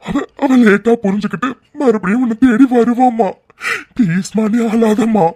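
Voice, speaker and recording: A voice actor playing a calm family man in a cartoon, speaking in a soothing, gentle way. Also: mid-range voice, moderate pace, close to an everyday voice. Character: calm, comforting family man consoling his crying wife.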